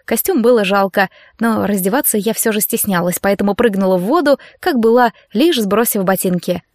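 A woman narrating an audiobook in a wry, lively storytelling manner, close to the mic. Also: mid-range voice, brisk, dry recording. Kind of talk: scripted narration.

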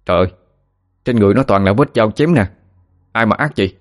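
A man's voice: lowish voice, fast, natural voice. A man voicing a startled young villager who exclaims in surprise. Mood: shocked.

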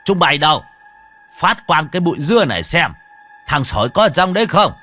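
A man voicing a gruff, bossy old village sorcerer who barks orders loudly. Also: deep voice, very animated, normal speed, soft background music, exaggerated voice. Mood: shouting. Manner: loud, barking orders.

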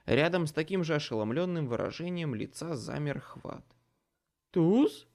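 A man's voice: on the high side, expressive, brisk, creaky. A man reading a first-person fantasy audiobook with dramatic storytelling. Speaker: audiobook narrator.

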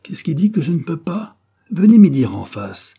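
A man voicing an irritable, lanky glove worker who shouts angrily in a storybook reading. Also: on the high side, sing-song, normal speed, gravelly, slightly rough, pitched above the performer's own voice, exaggerated voice. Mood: angry. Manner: angry, shouting.

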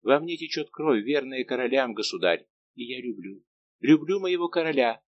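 A man's voice: mid-range voice, lively intonation, moderate pace, no room sound, muffled recording, natural voice. A man reading as a desperate young woman in love. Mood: impassioned. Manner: impassioned, pleading.

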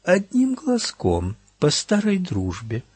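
A menacing gang boss who drags his words out in a soft, hoarse hush, never needing to raise his voice, as a man puts him on. The delivery is husky and dry, close to the ear, with lively swings in pitch. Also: no echo, exaggerated voice. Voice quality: hoarse, hushed, drawn-out. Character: menacing adult male gang leader, quietly cruel.

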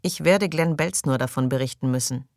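A woman's voice: a bass voice, a little fast, a little mellow, no echo, studio quality. Woman doing a stern, grim grown man. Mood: grave.

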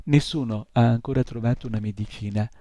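A man's voice: medium pitch, a little fast, warm tone, no room sound, highs cut off, lightly acted. A man voicing a tiny, polite and slightly self-important male creature in a storybook. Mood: polite, earnest.

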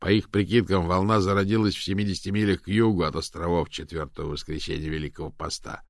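A man's voice: deep voice, steady tone, fast, no room sound, clean studio sound. A man voicing a suspicious, dryly ironic ship captain in a storybook reading.

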